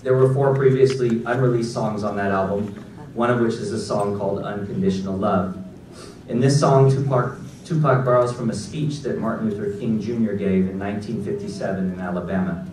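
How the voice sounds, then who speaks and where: A man in his forties gives a graduation keynote from a podium in a large auditorium. His voice sits a little low, and his delivery is measured and deliberate, read from a prepared text. The recording is strongly echoey and picked up from far back in the hall, with faint room noise. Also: a little mellow. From Los Angeles, United States. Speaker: keynote speaker. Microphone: podium mic, recorded by a far audience camera.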